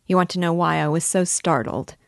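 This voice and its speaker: A woman reading a classic novel aloud in a measured, earnest storytelling manner. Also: on the low side, vocal fry, no echo, clean studio sound. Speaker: audiobook narrator. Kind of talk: scripted narration.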